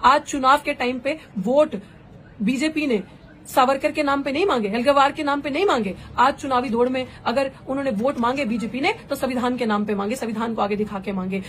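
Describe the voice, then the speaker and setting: A woman activist and candidate gives an impassioned live political address, fervent and rhetorical, slipping English phrases into her speech. Her voice sits high, brisk and a bit bright, with a little hiss or hum.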